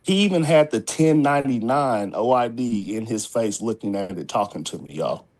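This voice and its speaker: A man's voice: mid-range voice, normal speed, a little mellow. A man telling a rambling, casual story on a video call, restarting his sentences and calling his listeners "y'all". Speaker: caller sharing a story.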